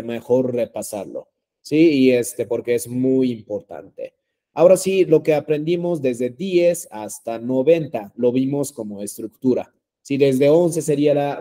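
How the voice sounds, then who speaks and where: A man's voice: mid-range voice, warm tone. A man teaching a language class, patient and repetitive, with many fillers and check-ins. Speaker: Japanese teacher.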